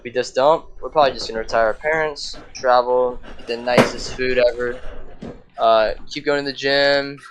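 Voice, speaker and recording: A man's voice: medium pitch, steady tone, normal speed, background noise. A teenage man on a podcast chatting casually, hyped up and slangy, saying bro and dude a lot. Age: teens. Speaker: podcast co-host.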